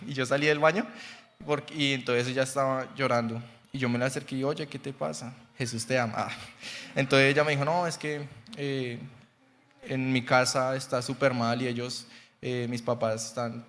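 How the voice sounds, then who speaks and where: A man's voice: on the high side, a bit bright. A man in his twenties with a Bogotá Colombian accent, giving a chatty testimonial sermon in church, often checking in with "¿sí?". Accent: Bogotá Colombian Spanish. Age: 20s. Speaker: young preacher. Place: church sanctuary. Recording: long church hall reverb.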